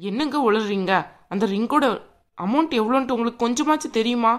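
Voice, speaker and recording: A woman's voice: a little high, fairly quick, lightly acted. A woman voicing a quarrelsome young bride-to-be in a cartoon, sarcastic and nagging. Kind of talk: cartoon voice acting.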